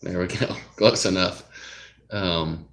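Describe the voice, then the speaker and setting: A young man with a Southern US drawl chats on a livestream. His voice sits very low and he talks at an unhurried, slow pace. He rambles and drifts easily off topic. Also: a bit bright, slight background noise. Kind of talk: casual live-stream chat.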